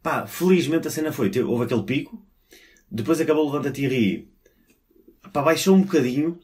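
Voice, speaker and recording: A man's voice: a little high, expressive, fairly quick, a little mellow. A man from Porto, a stand-up comedian, talking casually, rambling with fillers, restarts and swearing. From Porto, Portugal. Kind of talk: casual podcast conversation.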